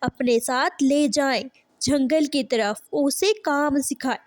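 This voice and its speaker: A woman's voice: high voice, slow, dry recording. A woman voicing a stern female sparrow neighbor who gives reproachful advice in a cartoon.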